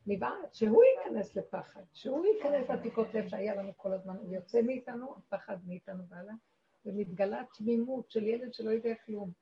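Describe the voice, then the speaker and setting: A woman's voice: on the high side, animated. A woman teaching a women's spiritual class, earnest and encouraging. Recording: dull recording with faint background noise.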